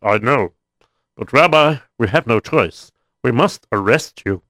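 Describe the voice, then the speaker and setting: A man's voice: medium pitch, animated, measured pace, bright, forceful tone, no room sound, studio quality. A man voicing a thoughtful male army captain who ponders aloud and hums to himself. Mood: stern.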